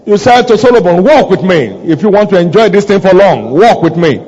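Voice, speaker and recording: A man's voice: high voice, expressive, brisk, darkish tone. A man, preaching and praying aloud as a pastor, with fervent declarations and repeated phrases. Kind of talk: sermon and prayer. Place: large church hall. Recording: dull sound with long hall reverb.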